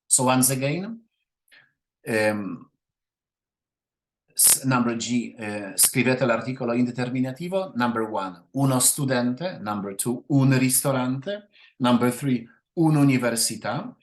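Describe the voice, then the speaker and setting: A man's voice: mid-range voice, a little hiss or hum. Patient male Italian teacher. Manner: patient, repeats forms slowly and checks with "right?". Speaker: language teacher. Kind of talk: classroom grammar explanation.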